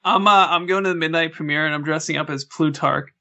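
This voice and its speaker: Jokey podcast co-host guy, kinda high voice, teasing. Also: fast, bright, forceful tone. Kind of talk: casual call-in podcast chat.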